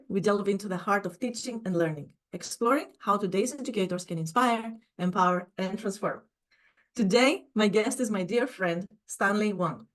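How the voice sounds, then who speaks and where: A woman hosting an education podcast, speaking in an effusive, warm way. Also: medium pitch. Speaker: podcast host. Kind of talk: podcast interview.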